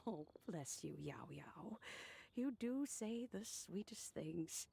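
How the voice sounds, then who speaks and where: A woman voicing a kindly, unhurried elderly master in a game cutscene, husky, gentle and grandmotherly. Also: lowish voice, expressive, full character voice. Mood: fond, soothing. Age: older.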